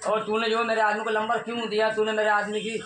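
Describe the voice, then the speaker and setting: A man's voice: sits high, completely flat delivery, quick pace, fairly bright tone, reverberant, a little hiss or hum. A man telling his side of a family dispute, heated and pleading, repeating his points. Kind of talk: emotional personal account.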